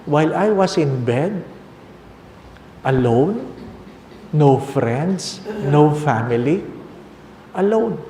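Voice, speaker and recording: A man's voice: mid-range voice, darkish tone, slight background noise. An older man, a Filipino priest in his sixties with a Filipino accent, preaching a personal testimony and repeating phrases for emphasis. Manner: switches between Tagalog and English, repeats phrases for emphasis. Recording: echoey hall with long reverb.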